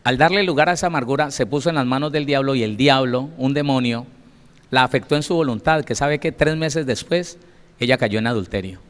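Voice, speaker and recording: A male pastor leads a sermon-style Bible study, speaking at a medium pitch and a fairly quick pace. He tells stories with emphasis and speaks directly to his listeners. The recording carries a long hall reverb.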